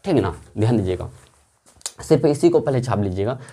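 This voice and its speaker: A man's voice: on the low side, big pitch swings, fairly quick, mellow. A man teaching a maths lesson, asking questions and answering them himself, with a lot of repetition. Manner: asks and answers his own questions, repetitive. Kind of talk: classroom lesson.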